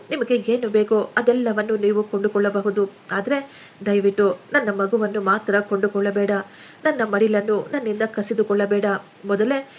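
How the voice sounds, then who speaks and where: Female narrator for a dramatic first-person story, earnest and emotional, middle pitch. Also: slight background noise.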